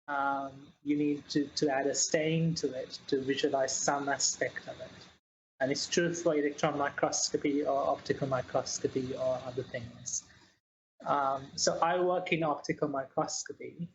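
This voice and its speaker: A woman from Sri Lanka, a scientist guest in an interview, speaking in a measured way with many fillers and restarts. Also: rumbling low, slight background noise, low-quality recording. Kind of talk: interview answers.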